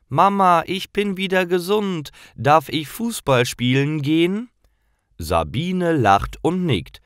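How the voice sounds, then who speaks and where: A man reading a scripted story slowly and deliberately for language learners, each word clearly pronounced. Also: lowish voice, dry recording, studio quality. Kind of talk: slow scripted narration for learners.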